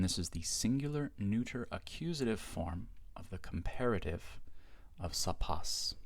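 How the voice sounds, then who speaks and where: Deep-voiced man giving a grammar lecture. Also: no room sound. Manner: measured, explanatory, reads Greek forms slowly. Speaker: Greek teacher.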